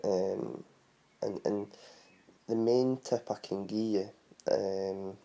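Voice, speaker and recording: Low gravelly Scottish man, rambling. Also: fairly even intonation, slow, warm tone. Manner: rambling, hesitant, full of ums and restarts. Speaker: vlogger teaching words. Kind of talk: casual home tutorial.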